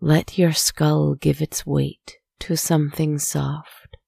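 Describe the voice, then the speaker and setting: A woman softly narrating a guided relaxation story in a hushed, soothing, spa-like manner, with deliberate, poetic phrasing. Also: deep voice, flat delivery, vocal fry, husky, dry recording, clean studio sound.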